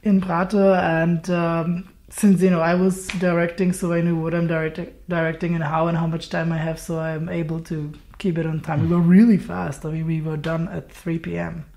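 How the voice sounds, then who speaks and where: A man's voice: fairly high pitch, flat delivery, moderate pace, creaky, hardly any pauses, a little mellow. Hesitant young man. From Slovakia and Czech Republic. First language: Czech and Slovak. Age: 20s. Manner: hesitant, restarts mid-sentence, trails off. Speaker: guest filmmaker. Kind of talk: casual interview chat.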